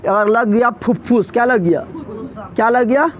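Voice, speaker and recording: High-voiced man drilling students. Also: moderate pace. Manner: drills students with repeated quiz questions; colloquial, emphatic explaining. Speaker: teacher. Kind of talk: classroom lecture.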